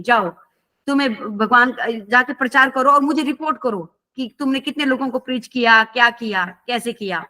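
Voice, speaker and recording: A woman's voice: high-pitched, bright, forceful tone. A woman teaching a scripture class, telling a story conversationally and asking her listeners questions.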